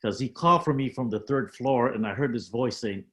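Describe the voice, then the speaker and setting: Joining a panel by video call, an older man reflects on his life story, his voice medium in pitch and fairly bright in tone. He speaks in a measured, halting manner, stopping on fillers as he searches for words.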